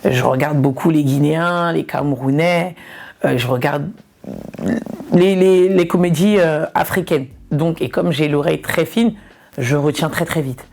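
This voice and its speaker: A woman's voice: low voice, unhurried, vocal fry, a little mellow. A woman from Ivory Coast, a comedian and influencer, chatting casually in an interview and repeating words for emphasis.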